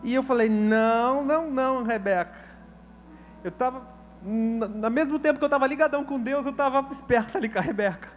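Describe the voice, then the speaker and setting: A high-pitched Brazilian pastor preaching a sermon to his church. He tells his story with feeling and casual slang. His voice sits notably high for a man. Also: fast, faint music behind. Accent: Brazilian Portuguese. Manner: emotional, storytelling with slang and acted quotes.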